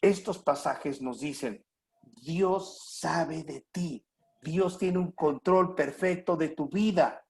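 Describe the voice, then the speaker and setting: A middle-aged pastor with a Mexican Spanish accent preaches a sermon animatedly, packing it with rhetorical questions and acting out quoted voices. His voice sits on the high side and comes out slow and creaky.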